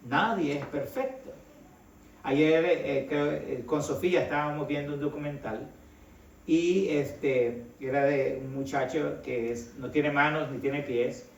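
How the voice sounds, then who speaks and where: Preacher in an echoey hall. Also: male voice, fairly high pitch, measured pace, gravelly, distant mic, lo-fi sound. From El Salvador. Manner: conversational preaching, addresses listeners as brother, rising emphasis. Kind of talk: sermon. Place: church hall.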